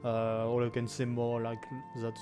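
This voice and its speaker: Over background music, a Frenchman in his twenties speaks with a strong accent in a medium-pitched, monotone, slightly slow voice. The gaming YouTuber is chatting casually to camera for his channel's anniversary, rambling to viewers with plenty of fillers and self-corrections.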